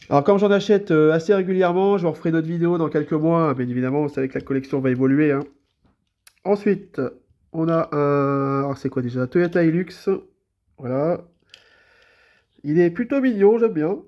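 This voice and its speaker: A man with a somewhat high voice, recorded with the highs cut off, shows off his toy car collection in a casual show-and-tell vlog. He has a cold and a stuffy nose, and his easygoing chatter is full of hesitations and repeated fillers.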